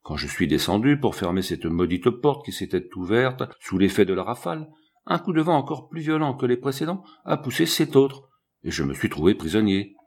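A man voicing an irritable, nervous old scientist in an audiobook, husky and fussy in manner. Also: mid-range voice, very animated, normal speed, a little mellow. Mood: explaining.

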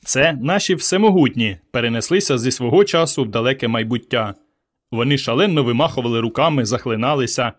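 A man narrating a humorous story as an audiobook, in a lively storytelling manner. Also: mid-range voice, a little fast.

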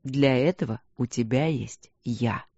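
A calm, protective husband, voiced by a woman reader, lowered in pitch and unhurried. His steady, reassuring words come out quiet and dark. A dry, dull audiobook recording. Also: dry recording, natural voice.

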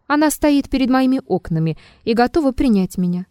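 A woman voicing a calm, aloof man in an audiobook, answering coolly and dryly. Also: high-pitched, fairly quick, clean tone, no room sound, voice pushed up. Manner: calm and dry.

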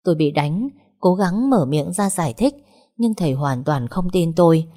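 A woman reading a first-person story aloud in a steady, subdued manner. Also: sits low, moderate pace. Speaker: narrator. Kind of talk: first-person audiobook narration.

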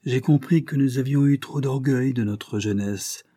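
A man's voice: mid-range voice, normal speed, dark tone, dry recording, clean studio sound, voice pushed up, natural voice. A man reading the lines of an anguished young mother, in a pleading, weary voice heavy with grief. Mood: sorrowful. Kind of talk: audiobook character reading.

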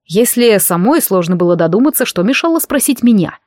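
A woman voicing a centuries-old male warlock king in an audiobook, speaking slowly and intimately in a teasing, possessive tone. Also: medium pitch, animated, a little mellow, no echo, clean studio sound, natural voice. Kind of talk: audiobook character reading.

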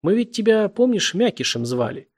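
An earnest, naive young man, easily startled and quick to get excited, as a male narrator puts him on. The reading keeps a gravelly, slightly husky texture. A literary audiobook figure with an innocent, impassioned way of talking. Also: medium pitch. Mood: heated.

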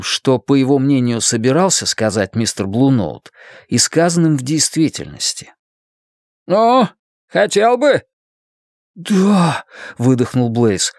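A man's medium-pitched voice carries a scripted audiobook narration, measured and expressive in its storytelling. The studio-quality recording has no room sound.

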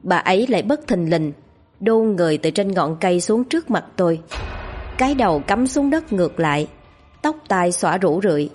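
A woman narrating a ghost story in a slow, steady reading voice. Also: fairly low pitch, faint music behind.

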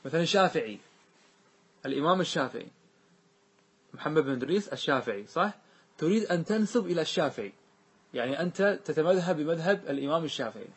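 Man, grammar teacher, husky voice, slightly high, patient, repeats examples, checks in with students. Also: expressive, fast talker, long pauses. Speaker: teacher explaining Arabic grammar. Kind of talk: classroom lesson on a grammar poem.

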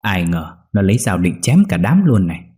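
A man's voice: sits low, sing-song, normal speed, dark tone, breathy edge. A man narrating a ghost story steadily.

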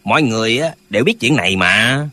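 A man voicing a band of quarrelsome, pedantic old martial-arts brothers in an audiobook, with a husky voice. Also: mid-range voice, animated, fast talker, pushed and bright, no echo. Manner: bickering, pedantic, squabbling.

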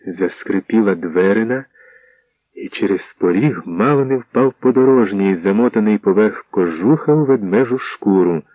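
A man narrating a historical novel as an audiobook in a measured storytelling manner. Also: on the low side, slightly rough, no echo. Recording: dull muffled dry audio.

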